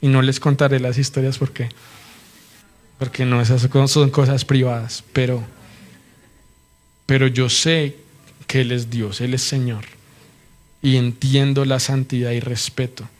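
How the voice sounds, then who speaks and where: A man's voice: medium pitch, flat delivery, unhurried, long pauses. A man preaching a sermon, earnestly and reverently teaching, often asking his listeners questions.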